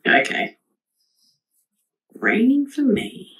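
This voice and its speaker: A woman chatting casually while playing a game, laid-back and drawn-out in her delivery. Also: a little high, huge pitch swings, fairly bright tone, poor audio. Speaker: gamer. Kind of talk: casual gaming chat.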